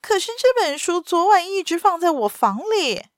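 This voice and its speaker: A woman voicing a flustered, high-strung noblewoman and mother in a read-aloud story. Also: sing-song, moderate pace, dry recording, clean studio sound. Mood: startled. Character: frightened noblewoman mother, adult.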